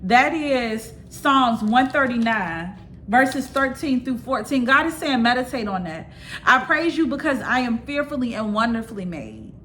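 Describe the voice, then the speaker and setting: High-voiced woman preaching emphatically. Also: expressive, unhurried, fairly bright tone, slight background noise. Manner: emphatic, repeats key lines, talks straight to listeners; conversational preaching with asides. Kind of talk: informal sermon to camera.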